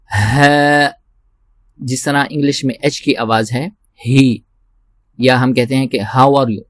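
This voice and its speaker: A patient male teacher explains recitation at a measured pace and a middling pitch. He repeats each word several times and lifts into long, drawn-out chanted lines. The recording is close and dry. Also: no echo. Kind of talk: step-by-step recitation lesson.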